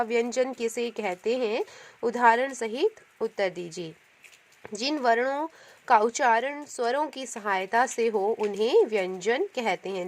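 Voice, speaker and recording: Patient woman teaching Hindi grammar. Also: fairly high pitch. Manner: explains patiently, repeats points, ends phrases with "ठीक है". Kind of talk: Hindi grammar lesson with notes.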